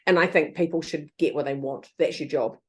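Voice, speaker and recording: A woman in her fifties, a guest author in a casual interview chat, who talks lively, laughs often and acts out quoted voices. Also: low voice, fairly quick.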